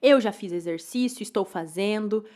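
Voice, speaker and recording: A woman's voice: mid-range voice, moderate pace, darkish tone. A woman with a Brazilian Portuguese accent hosting a podcast, talking through her own week in a candid, confessional monologue. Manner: candid and confessional, with restarts and trailing asides. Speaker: podcast host. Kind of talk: personal reflective monologue.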